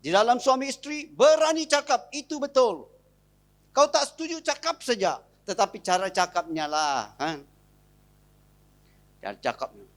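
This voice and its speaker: High-voiced, animated Sarawak pastor. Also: male voice, moderate pace, long pauses. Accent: Sarawak Malay. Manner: animated, jokey, acts out wife and husband in little scenes. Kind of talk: lively sermon.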